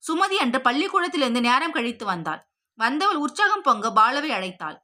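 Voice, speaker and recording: A woman narrating a story in a steady, expressive, scripted storytelling voice. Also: sits high, brisk. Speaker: audiobook narrator.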